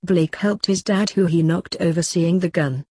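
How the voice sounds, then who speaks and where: A woman reading a sci-fi story aloud as narrator, in a steady, plain manner with a husky voice. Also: fairly low pitch, moderate pace, no room sound.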